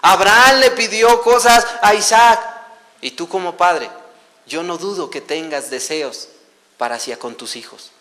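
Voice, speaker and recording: A man with a Mexican Spanish accent preaching a sermon, earnest and confessional, moving between raised and hushed delivery. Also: sits high, measured pace, in a large hall. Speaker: pastor. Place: church hall.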